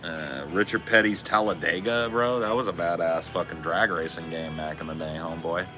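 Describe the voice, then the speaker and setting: A man's voice: low voice, steady tone, normal speed, over music. A man in his forties chatting casually on a live stream, laid-back and slangy, swearing often. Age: 40s. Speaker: streamer reading chat.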